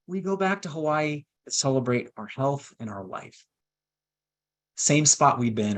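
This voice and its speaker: A man in his forties, an estate planning attorney, telling a heartfelt personal story in a webinar with earnest pauses and restarts. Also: mid-range voice. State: emotional at times.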